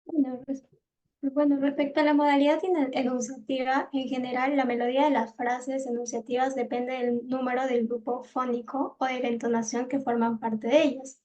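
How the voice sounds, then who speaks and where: A young female student giving a class presentation in a steady reading voice. Her voice is high and warm, but the intonation stays flat and monotone throughout. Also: moderate pace, highs cut off.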